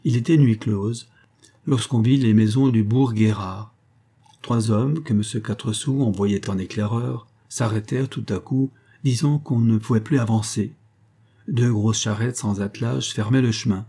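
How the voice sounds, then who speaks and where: A man reads a classic novella aloud at a steady, measured pace. His voice sits low and dark, with a husky grain. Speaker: audiobook reader. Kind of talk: scripted narration.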